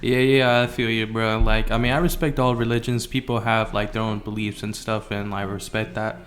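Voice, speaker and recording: A man's voice: on the low side, little pitch movement, moderate pace, fairly bright tone. A young adult man in a casual podcast chat, talking in loose slang and often saying bro and man.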